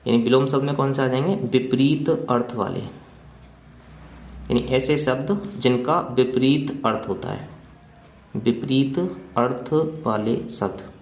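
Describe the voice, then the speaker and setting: A man's voice: mid-range voice, slow, darkish tone, reverberant. A male teacher giving an exam-prep grammar lesson, asking questions and answering them himself, with lots of repetition while he writes out examples.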